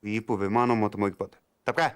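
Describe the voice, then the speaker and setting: An actor playing a cool young man who teases in a dry, deadpan way in a film comedy scene. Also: lowish voice, quick pace, clean tone, lightly acted. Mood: deadpan teasing. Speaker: film character.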